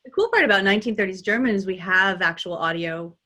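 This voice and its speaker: A woman's voice: medium pitch, quick pace. Chatty woman dialect coach. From United States. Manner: animated, laughing often, with many restarts. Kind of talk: conversational interview.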